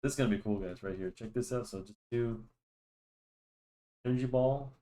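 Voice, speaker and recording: Mellow and medium-pitched, this young man talks at a moderate pace as he draws for his channel, rambling with frequent restarts and fillers. He's a little nasal from a cold, and his voice is picked up by a desk microphone.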